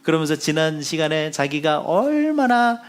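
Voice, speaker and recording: A male pastor tells a story in his sermon with a high, lively voice that swings widely. He acts out the characters as he goes, and grows hushed and soft near the end. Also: normal speed. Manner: animated storytelling, acting out quoted voices; drops to a hushed, soft delivery when closing.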